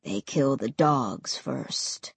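A slow, flat, low undead boy, as a woman puts him on for a storybook. His words come heavy and quiet, with a breathy edge, and the sound is close and dry. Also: no room sound, heavily acted. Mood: grim, flat.

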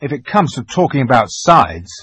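A man's voice: medium pitch, very animated, moderate pace, a bit bright, husky, no room sound, voice pushed up. A man voicing a suspicious, doubtful boy in a storybook reading, skeptical and questioning.

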